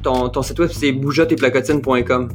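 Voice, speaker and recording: A man with a Quebec French accent hosting an interview, relaxed and hesitant with fillers. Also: medium pitch, a little fast, soft background music. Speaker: podcast host. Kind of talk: casual interview chat.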